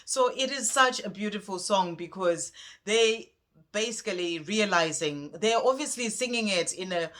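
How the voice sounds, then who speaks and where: A woman chatting casually on a spiritual vlog, rambling and gentle as she talks through a song and pulls cards. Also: mid-range voice, lively intonation, normal speed. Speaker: spiritual card reader.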